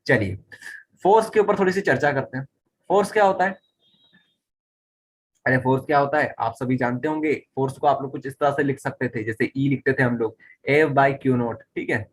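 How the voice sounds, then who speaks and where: A man's voice: medium pitch, slight background noise. A man teaching a physics lesson, repeating key phrases and often stopping to check that students understand. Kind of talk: explaining a lesson at a whiteboard.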